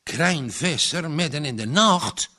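A man reading aloud and voicing a startled, gruff farmer and father who exclaims loudly. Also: high-pitched, lively intonation, moderate pace, a little hiss or hum, voice pushed up. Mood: alarmed.

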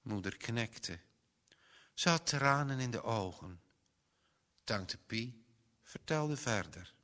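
Male storyteller, children's Bible story, slow and expressive, lively pitch, long echo.

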